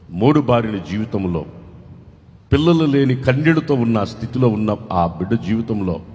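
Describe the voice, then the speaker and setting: A male pastor preaching fervently at a large convention, swinging between soft lines and shouts and urging the crowd to clap. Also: mid-range voice. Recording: long reverb of a large hall.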